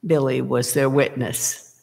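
An older woman preaching a sermon from a church pulpit, telling a story at a deliberate pace. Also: very deep voice, steady tone, creaky, darkish tone. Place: small church, indoors, at a pulpit. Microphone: gooseneck pulpit mic. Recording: long church reverb. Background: reverberant church hall.

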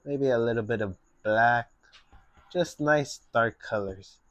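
A young man talks through a painting lesson in a slow, unhurried way, guiding each brushstroke step by step. His voice sits at an ordinary pitch and is recorded close and dry. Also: dry recording. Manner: slow, relaxed step-by-step instruction. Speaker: painting instructor. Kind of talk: painting tutorial.

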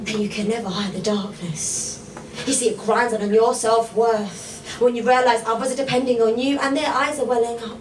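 Woman, young, spoken word poet, high pitched, rhythmic rhyming delivery, echoey bar stage, distant mic. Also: fairly even intonation, normal speed, slight background noise. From England. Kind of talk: performed spoken word poetry. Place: small bar lounge stage. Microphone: stand mic on stage, recorded from the room. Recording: echoey bar room from far off.

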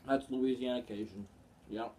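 A man's voice: medium pitch, fairly even intonation, moderate pace, mellow, slight background noise. A man co-hosting a food-tasting vlog in casual chat, teasing and cracking jokes. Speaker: co-host.

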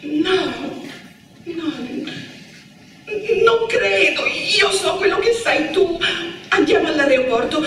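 A woman's voice: very high voice, lively intonation, takes it slowly, long pauses, a little hiss or hum, voice pushed up, heavily acted. Dina, a frantic young wife, as a woman reader puts her on. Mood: desperate. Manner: urgent, shouting. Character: Dina, anxious young wife searching for husband. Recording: echoey hall, distant mic.

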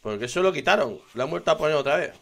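A man with a Spain Spanish accent giving live gameplay commentary, excitable, swearing constantly and laughing often. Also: on the high side, very fast, gravelly. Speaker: gaming streamer.

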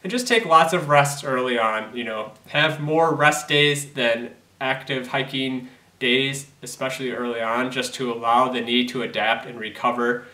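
A man's voice: mid-range voice, moderate pace, bright, forceful tone. A man in his thirties, a physical therapist, giving earnest advice straight to camera with many fillers and restarts, recorded indoors against a plain backdrop. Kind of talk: educational talk to camera. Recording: roomy echo, somewhat distant mic.

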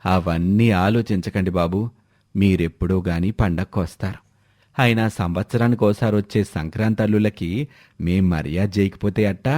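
A poor old village father with a lowered, soft voice, as a male narrator plays him. He speaks slowly and humbly, pleading. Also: dry recording, clean studio sound. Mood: humble.

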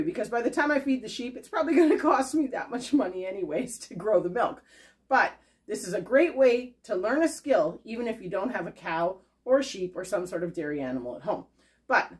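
A woman with a mid-range, breathy-edged voice hosts a homesteading channel's cooking video. Working in her home kitchen, she chats casually and upbeat, talking through her thoughts as she goes.

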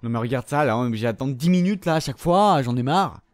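A man talks over his own gameplay in a loose, unscripted commentary. He swears freely and rants at the game in frustrated bursts, then reins himself in and talks himself calm again. It sounds like an ordinary man reacting live as he plays. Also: medium pitch, very fast, no echo, studio quality. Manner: profane, frustrated ranting that swings between outbursts and calming himself. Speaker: gamer recording his gameplay.

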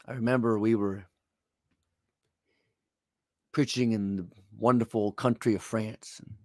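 A man's voice: lowish voice, fairly even intonation, unhurried, a little mellow, no room sound, studio quality. A man preaching a televised sermon, speaking straight to the viewer in an earnest, pleading way.

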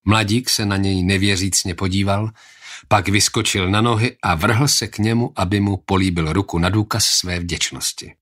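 Male audiobook narrator, low voice, steady even storytelling. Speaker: audiobook reader. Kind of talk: scripted narration.

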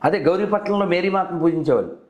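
Quick and lively in intonation, this high-voiced man is hosting a conversational debate over the phone. He keeps pushing with leading questions, heard through an echoey, roomy call recording.

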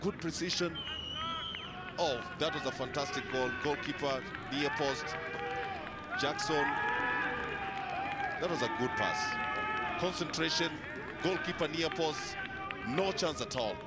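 A man's voice: fairly high pitch, moderate pace, a loud crowd. A man co-commentating on live football in short, analytical phrases. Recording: loud outdoor stadium background noise.

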